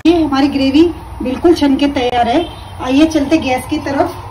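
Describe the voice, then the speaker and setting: A woman calmly explaining each step of a recipe while she cooks at her stove at home. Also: high-pitched, moderate pace, far from the mic, slight background noise, poor audio. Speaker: home cooking teacher. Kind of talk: step-by-step cooking instruction.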